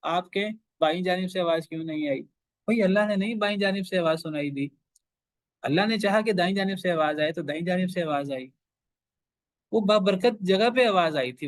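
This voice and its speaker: A man lecturing a class on scripture, his voice pitched a little high for a man. He drives each point home with repeated rhetorical questions. The sound is dry and close. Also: no echo. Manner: emphatic, asks rhetorical questions and repeats phrases. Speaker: Quran teacher.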